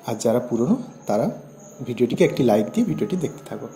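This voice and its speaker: A man's voice: medium pitch, sing-song, fast, warm tone, reverberant, a little hiss or hum. A man teaching a poem line by line, asking questions and answering them himself. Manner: asks and answers his own questions.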